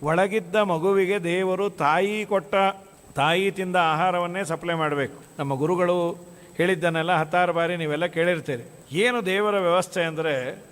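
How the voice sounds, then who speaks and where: A man preaching a devotional sermon with a high, bright, crisp voice. He tells stories and acts out the voices of the people in them. The sound rings with the long reverb of a large hall. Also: moderate pace. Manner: storytelling, acts out quoted dialogue; chants scripture verses in melody. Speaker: religious discourse speaker. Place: monastery hall.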